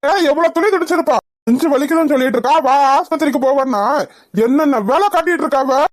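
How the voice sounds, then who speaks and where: A woman voicing a stern middle-aged husband in a village cartoon, gruff and scolding. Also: high-pitched, fast, no room sound, clean studio sound, natural voice. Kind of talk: cartoon voice acting.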